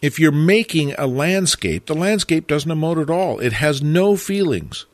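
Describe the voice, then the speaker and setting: A man narrating a photography lesson in a measured, reflective way, stressing key words. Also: a little high, animated, no room sound. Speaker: photography teacher. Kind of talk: scripted narration.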